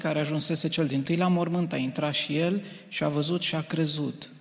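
A man, a preacher, reading scripture aloud to a congregation in a measured, earnest way. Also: on the high side. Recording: reverberant hall.

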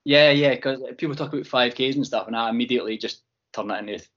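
A man's voice: medium pitch, quick pace, a bit bright, lo-fi sound. A man with a Fife Scottish accent chatting casually as a podcast guest, hesitant and often correcting himself. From Fife, Scotland. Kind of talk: casual chat.

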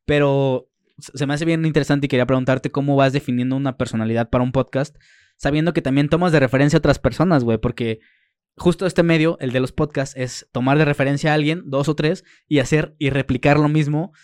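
A man's voice: mid-range voice, steady tone, quick pace, darkish tone, smooth, no echo, studio quality. A man hosting a podcast, asking long, rambling questions in heavy slang. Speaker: podcast host. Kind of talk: casual interview chat.

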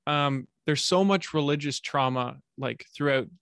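A man's voice: a little high, unhurried, creaky, fairly bright tone, clean tone, dry recording, clean studio sound. Casual, candid male podcast host. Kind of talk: casual interview conversation.

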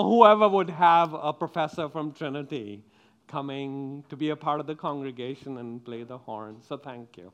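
A man's voice: fairly high pitch, a bit bright, clear, resonant tone. A man giving a playful children's sermon as pastor, coaxing the kids and the congregation with questions.

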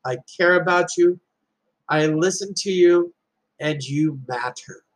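Speaking slowly in a fairly high voice, a middle-aged man tells a group a personal story about being a parent. His talk is earnest and emphatic, with key lines repeated for weight, and the recording is rough.

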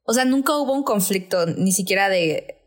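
A young woman co-hosting a casual film podcast, speaking in a relaxed, drawn-out way and quoting scenes in playful voices. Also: mid-range voice. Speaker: podcast co-host.

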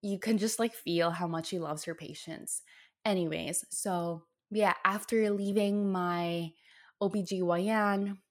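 A young woman speaks casually and earnestly, sharing her own experience with a slightly low voice. She talks in bursts, with fillers and restarts, and emotion shows through. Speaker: storyteller sharing a health journey. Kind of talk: casual personal storytelling.

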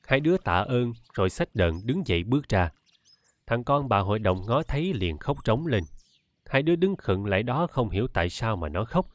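A man reading a novel aloud as an audiobook narrator, in a steady, measured way. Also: medium pitch, dry recording. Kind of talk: scripted narration.

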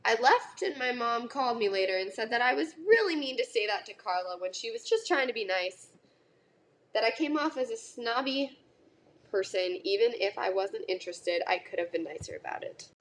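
A young woman hosts a podcast, reading listener stories and then chatting about them. Her slightly high voice swings widely in pitch, and she peppers her talk with "like" and frequent laughter. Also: normal speed, slight background noise. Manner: animated, laughs often, says "like" a lot. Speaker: podcast host.

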